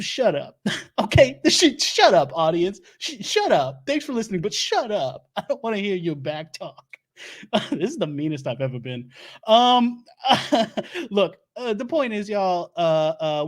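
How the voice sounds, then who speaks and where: In a home studio, a male comic puts on a high voice to play a Louisiana doomsday-prep host, a bumbling, self-proclaimed Southern lecturer. He's a comedy show host in an improvised monologue, rambly, self-important, stumbling, and laughing at his own jokes.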